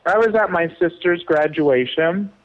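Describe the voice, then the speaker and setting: Man from illinois, radio co-host, indignant storyteller, higher voice, dull audio. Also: normal speed. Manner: indignant, talks while eating.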